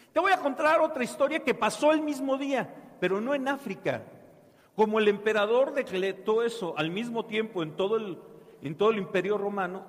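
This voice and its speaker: Lively priest doing a kids' sermon, slow and singsong, big echoey church. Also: male voice, sits high. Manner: animated, asks children questions, call and response. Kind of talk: children's sermon storytelling.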